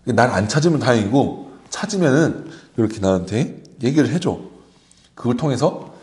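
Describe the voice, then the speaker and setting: A man's voice: medium pitch, lively intonation, moderate pace, a little mellow, natural voice. A man voicing a hunted young man who pleads with a friend in an urgent, frustrated way. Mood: pleading.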